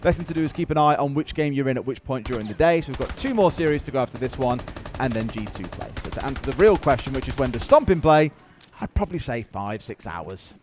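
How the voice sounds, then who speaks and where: A man's voice: mid-range voice, very animated, background noise. A British man casting a live esports match, chatty and joking, who also answers viewer questions. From United Kingdom. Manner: chatty and quick, jokes and answers chat. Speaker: esports caster.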